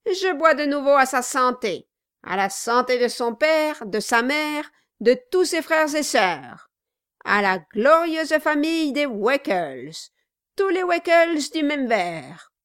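A woman voicing a boisterous, mocking male dwarf who drinks hard, loud and goading. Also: high-pitched, fairly even intonation, moderate pace, hardly any pauses, dry recording, studio quality, pitched above the performer's own voice. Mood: rowdy toasting. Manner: loud, rowdy and goading, with cackling laughter.

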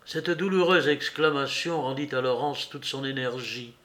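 A man narrating a classic novel audiobook in a measured, dramatic storytelling manner. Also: medium pitch, bright, forceful tone.

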